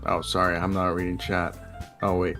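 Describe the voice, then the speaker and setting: Man, casual gaming stream, reads chat aloud, somewhat low voice, faint music behind. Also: completely flat delivery, normal speed, bright, forceful tone. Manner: laid-back, swears, reads chat messages aloud.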